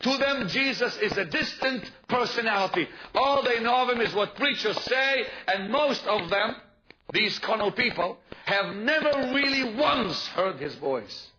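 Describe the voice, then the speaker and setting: Unhurried but emphatic, a high-pitched preacher repeats his main points and presses his congregation to reply. The live sermon recording is dull and noisy, with a continuous hiss.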